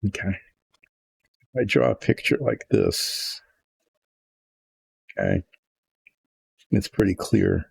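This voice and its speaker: Older man, low gravelly voice, husky, easygoing rambling workshop chat. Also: wildly swooping pitch, slow, pauses often. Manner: rambling, thinking aloud with restarts. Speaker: hobby painting host. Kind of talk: relaxed workshop chat while painting. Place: home workshop.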